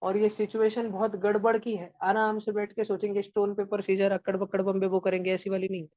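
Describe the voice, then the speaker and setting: Female teacher, animated storyteller, even-toned delivery, dull close recording. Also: medium pitch, fairly quick. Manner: animated storyteller, mixes English terms into explanation. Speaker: science teacher. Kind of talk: classroom lecture with playful storytelling.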